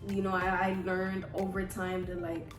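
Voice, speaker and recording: A woman's voice: lowish voice, flat delivery, normal speed. A woman in her twenties from Houston, Texas, chatting casually and self-deprecatingly to viewers in slangy speech, her voice affected by a cold. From Houston, Texas, USA. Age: 20s. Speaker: vlogger. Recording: echoey room, music underneath.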